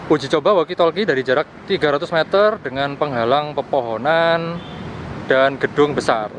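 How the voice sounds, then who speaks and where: Recorded on a camera held at arm's length, a young male vlogger with a fairly high-pitched voice explains a gadget field test while walking. He talks at a normal pace, repeats himself, and sounds dull on the recording. Noisy street and park sounds from the open plazas surround him.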